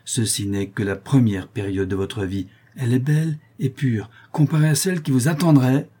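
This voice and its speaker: A man's voice: mid-range voice, normal speed, warm tone, breathy edge, close to an everyday voice. A man reading an audiobook voices a stern aristocratic father who speaks in a cold, accusing, commanding way.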